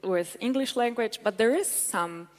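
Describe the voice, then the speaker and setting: This conference speaker, a Polish woman, has a voice on the high side and a measured pace. She eagerly chats through a tech talk and Q&A with fillers, recorded amid the reverberation of a large hall.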